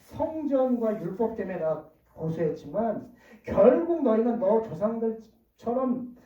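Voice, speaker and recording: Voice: medium pitch, big pitch swings, measured pace. A preacher voicing the pleading martyr Stephen. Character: early church deacon Stephen, pleading man. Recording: distant, dull, echoey room.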